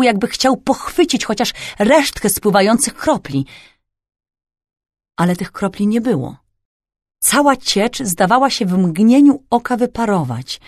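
A woman's voice: on the high side, darkish tone, no echo, clean studio sound. Woman narrating a fantasy audiobook.

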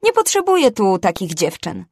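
A woman voicing a harsh, bossy female club manager who shouts and scolds. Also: mid-range voice, wildly swooping pitch, moderate pace, dry recording, studio quality. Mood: scolding.

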